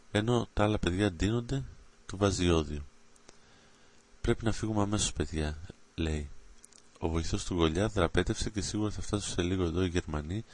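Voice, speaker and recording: A man reads an adventure story aloud in a very low voice. His delivery is steady and dramatic. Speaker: narrator.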